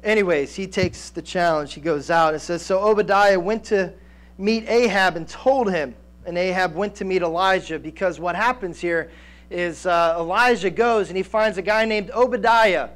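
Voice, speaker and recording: A man in his thirties preaching a sermon on a church stage through a headset mic, animated, with frequent restarts and fillers. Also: sits high, moderate pace. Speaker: pastor. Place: church stage with band gear, indoors.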